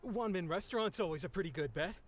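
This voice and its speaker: An actor playing a nervous, flustered sailor captain in a video game, halting and stammering. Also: male voice, high voice, lively intonation. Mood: nervous, polite.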